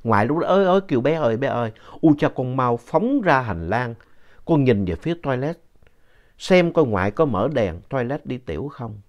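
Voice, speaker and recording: A man narrating a ghost story in a conversational, lively way with asides to the listener. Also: mid-range voice, moderate pace. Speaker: story reader. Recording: dull lo-fi sound.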